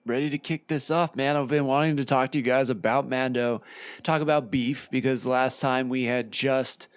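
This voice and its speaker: A man's voice: mid-range voice, steady tone, normal speed, clear, resonant tone, no echo. A man from Hawaii with a Hawaiian accent, talking on a casual podcast in a loose, slangy way. The recording is dry, with no room sound around him. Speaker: co-host.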